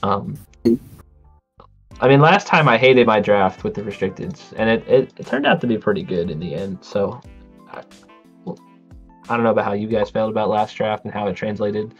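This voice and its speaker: A man's voice: on the low side, moderate pace, long pauses, soft background music. Chill guy on a podcast, lots of ums, kinda muffled mic. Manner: relaxed, lots of ums, laughs easily. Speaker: podcast co-host. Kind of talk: casual chat.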